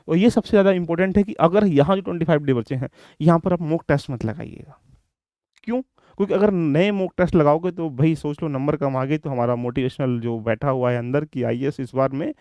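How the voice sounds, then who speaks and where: A man's voice: fairly high pitch, darkish tone, no room sound. A man giving a direct, instructive lecture on exam strategy to his students. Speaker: exam coaching teacher.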